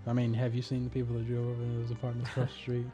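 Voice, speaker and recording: A man's voice: mid-range voice, monotone, racing, highs cut off, music in the background. A man with a Southern US accent in casual podcast chat, dry and needling as a co-host. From Southern United States, Arkansas.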